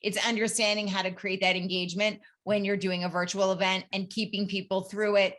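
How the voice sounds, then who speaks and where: A woman hosting a podcast over a video call, chatty and quick to laugh, often restarting her sentences. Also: mid-range voice, flat delivery, a bit bright. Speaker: podcast host. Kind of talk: casual chat.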